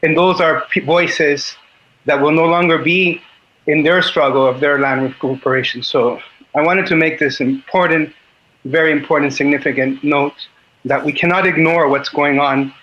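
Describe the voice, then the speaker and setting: Chilean man, 50s, Spanish-accented English, tense bright tone, halting earnest guest on a dull call line. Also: a little high, steady tone. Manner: halting, clears his throat often. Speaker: guest speaker on a group call.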